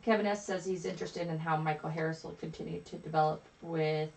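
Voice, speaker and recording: A woman's voice: deep voice, fairly even intonation, fast, creaky, darkish tone, low-quality recording. A woman co-hosting a live card break, reading out viewer comments and teasing her co-host. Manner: reads out chat comments and teases her co-host. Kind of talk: casual live stream chat.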